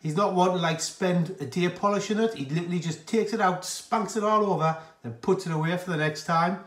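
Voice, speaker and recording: A man presenting a car vlog, chatting and asking quick questions outdoors. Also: high voice, a bit bright, slightly rough. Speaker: car vlogger. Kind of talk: casual chat. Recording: outdoor street noise.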